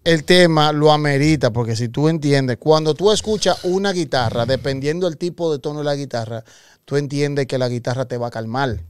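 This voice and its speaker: A man's voice: fairly high pitch, a little fast, smooth, no room sound. A man co-hosting a casual music podcast, playfully arguing about a song in local slang. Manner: argumentative, playful, talks in slang. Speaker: podcast co-host. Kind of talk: casual music reaction chat.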